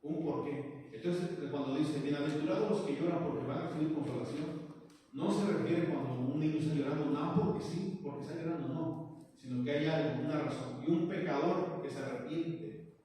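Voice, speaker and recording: A man preaching a sermon in a church, reading scripture slowly and putting questions to the congregation. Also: a little high, warm tone. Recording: echoey church hall, mic far off.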